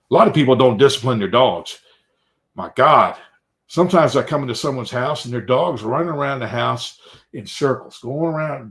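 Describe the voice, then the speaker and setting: Middle-aged man, casual live-stream chat, rambling anecdotes, lots of fillers and restarts, mid-pitched voice. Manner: rambling, animated anecdotes with hesitations. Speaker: tile and grout cleaner, owner-operator.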